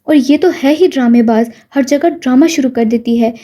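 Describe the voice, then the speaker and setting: A woman voicing a bad-tempered middle-aged aunt who scolds angrily. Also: high-pitched. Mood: angry. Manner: angry, shouting, scolding.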